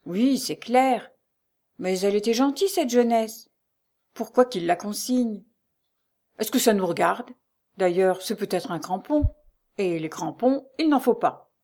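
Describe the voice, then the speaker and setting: Woman reading as a rude grumpy concierge guy, snappy and loud, bossing people off. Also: medium pitch, lively intonation, measured pace. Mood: brusque. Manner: gruff, dry, bossy. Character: curt, brutal male concierge, middle-aged.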